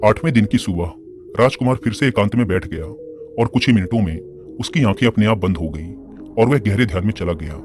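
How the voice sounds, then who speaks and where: A man narrating a story in calm, measured storytelling. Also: lowish voice. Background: music.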